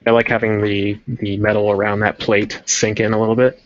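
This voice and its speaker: Chatty low-voiced man on a stream. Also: completely flat delivery, a little fast. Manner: rambling, chatty, self-interrupting. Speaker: livestream host painting a 3D model. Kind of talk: casual livestream chat. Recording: dull lo-fi stream audio.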